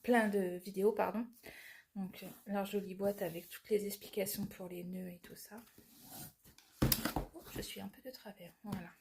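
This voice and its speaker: A woman's voice: mid-range voice, steady tone, normal speed, vocal fry, pauses often, dark tone, slight background noise. A woman chatting casually as she unboxes a cross-stitch kit, with fillers and small laughs.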